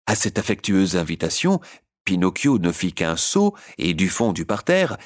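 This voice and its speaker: A man reading a children's story aloud in an expressive narration. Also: deep voice, unhurried.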